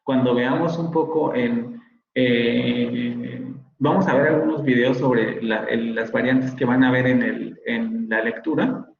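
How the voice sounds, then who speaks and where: A man's voice: mid-range voice, fairly even intonation, takes it slowly, gravelly, roomy sound, phone-quality sound, slight background noise. A man, a university professor giving an online phonetics lecture and patiently repeating words to model their sounds.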